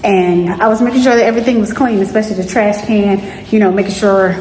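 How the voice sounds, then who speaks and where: A Miami-raised woman in her thirties, originally from the Bahamas, recounts a story openly in a casual vlog, often saying "you know." Her medium-pitched voice is a little mellow, with fairly even intonation and a quick pace. There's slight background noise, and the recording is rough.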